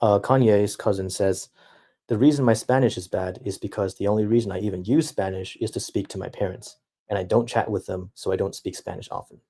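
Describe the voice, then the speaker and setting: A young man streaming, reading out chat messages and answering them in halting, reflective casual talk. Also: lowish voice, steady tone, warm tone, breathy edge. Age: young adult.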